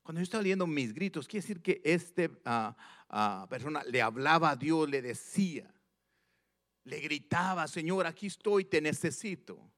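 Guy preaching a sermon, slow and emphatic, repeats lines, asks the people questions. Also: on the high side, expressive, fairly bright tone. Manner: slow, emphatic reading of scripture with repeated phrases; addresses listeners directly with questions.

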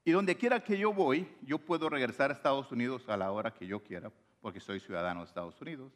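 A man's voice: mid-range voice, quick pace. A man from Mexico with a Mexican Spanish accent, preaching a sermon and acting out the voices he quotes. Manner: animated, acts out quoted voices.

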